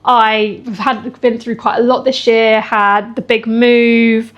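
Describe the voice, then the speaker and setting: Girl chatting in a fitness vlog, bit high voice, emotional, laughs a lot. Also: level tone, slow, lo-fi sound. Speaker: fitness vlogger.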